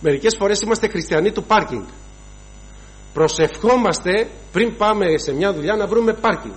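A man preaches a sermon to his congregation, emphatic and rhythmic, listing sins one after another and calling the listeners brothers. His voice sits high and animated, and the recording is low-quality.

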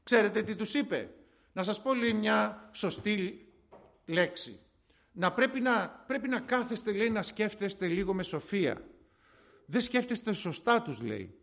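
A man's voice: sits high, very animated, creaky, a bit bright. A middle-aged man preaching a sermon in a conversational way, telling stories and asking and answering his own questions.

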